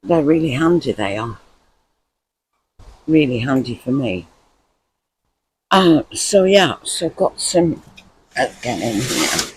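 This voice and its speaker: Slow-talking, husky man chatting casually. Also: mid-range voice, very animated, poor audio. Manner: rambling, repeats words for emphasis. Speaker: gardening vlogger.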